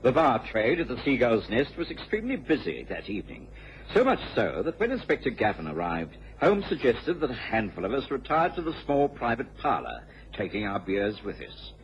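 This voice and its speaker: A man with an English accent playing Dr Watson, a measured gentleman companion narrating a radio drama in literary style. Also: mid-range voice, wildly swooping pitch. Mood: measured, reflective. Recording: dull old radio recording, faint noise.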